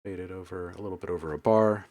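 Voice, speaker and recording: Deep-voiced man chatting on a stream. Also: fairly even intonation, fast, darkish tone. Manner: reads viewer comments aloud and muses on them; mutters while editing sounds. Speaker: live-stream host and sound designer. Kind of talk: casual live-stream chat.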